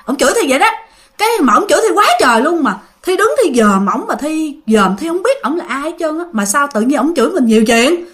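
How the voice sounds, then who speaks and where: A Southern Vietnamese woman tells a ghost story as if chatting with friends, often turning to her listeners. Her voice sits high and leaps up and down with lively energy. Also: brisk. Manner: animated, talks straight to listeners. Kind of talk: casual spoken storytelling.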